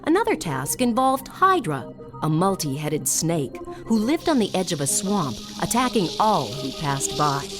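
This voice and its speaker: Casting: female narrator for a smooth museum audio guide, lowish voice, lively intonation, measured storytelling delivery. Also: music in the background.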